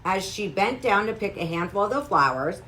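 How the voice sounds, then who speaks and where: Woman reading a kids' story, lively pitch, clear. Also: normal speed. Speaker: storybook reader.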